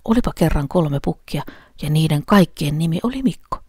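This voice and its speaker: A woman storyteller reading a children's story aloud at a gentle, unhurried pace. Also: low-pitched, lively intonation, breathy edge, no echo, clean studio sound.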